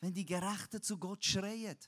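A man preaching a sermon, swinging between loud emphatic cries and low, quiet passages, with some blunt everyday words. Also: steady tone, moderate pace. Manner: uses crude everyday words.

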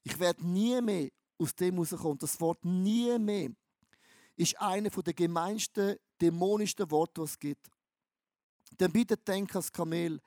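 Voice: medium pitch, unhurried, mellow, no echo. Preacher, punchy and repetitive, very dry close sound. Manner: emphatic and repetitive, with slang-laden storytelling. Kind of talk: sermon.

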